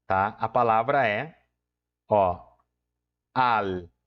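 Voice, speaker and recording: A man's voice: a little high, very animated, measured pace. A man teaching an exam-prep Spanish lesson, explaining step by step and checking in with the viewer after each point. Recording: dull lo-fi sound.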